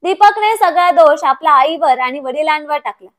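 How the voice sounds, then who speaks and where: A woman narrating a scripted moral tale in a steady storytelling manner. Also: high-pitched, moderate pace.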